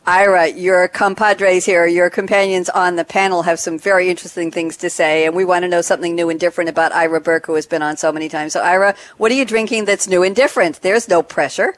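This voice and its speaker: A woman's voice: on the low side, steady tone, quick pace, hardly any pauses. A woman hosting a live radio panel show, chatty and joking with her guests.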